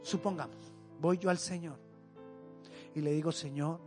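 A man preaching in a high voice, earnest and pleading. He often sinks to a hushed tone for emphasis. Soft music plays faintly behind him. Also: fairly even intonation, normal speed. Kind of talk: sermon.

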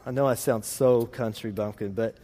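In a mellow, steady, mid-range voice, a Texan man with a rural drawl preaches at a moderate pace. He speaks conversationally to a congregation, telling anecdotes in a folksy, rambling, self-deprecating way, while the large room lends the recording a reverberant echo.

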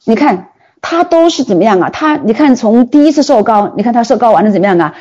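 Husky-voiced woman preaching a lively sermon. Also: on the high side, fast talker, highs cut off. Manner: animated storytelling with many rhetorical questions.

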